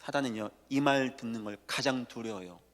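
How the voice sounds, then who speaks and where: A male pastor preaching a sermon, emphatic, swinging between hushed lines and loud declarations. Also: mid-range voice, a little fast. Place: church sanctuary. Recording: long church reverb.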